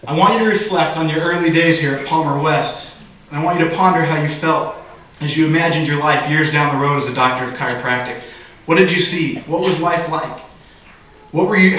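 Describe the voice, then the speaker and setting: A man from the Bay Area giving a commencement speech at a graduation ceremony, with a joking delivery. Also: on the high side. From San Francisco Bay Area. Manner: warm joking delivery with audience laughter. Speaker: commencement speaker. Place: large hall at a graduation ceremony. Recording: echoey hall, distant mic.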